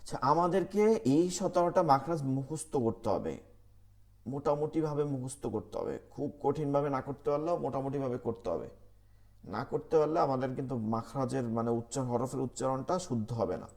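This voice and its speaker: A man's voice: medium pitch, a little mellow. Patient man teaching Quran recitation. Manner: patient, repeats sounds slowly for students to copy. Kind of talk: online Quran recitation class.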